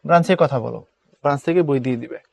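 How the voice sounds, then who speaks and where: Young guy teaching an online class, repeats words to drill them, kinda high voice, dry close mic. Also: racing, creaky, a little mellow, no echo.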